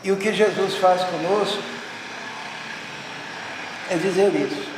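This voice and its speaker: A man's voice: high-pitched, slow. A man preaching a sermon in fervent, emphatic repetitions and leading an altar call. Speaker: pastor. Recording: echoey hall, distant from the mic, noisy.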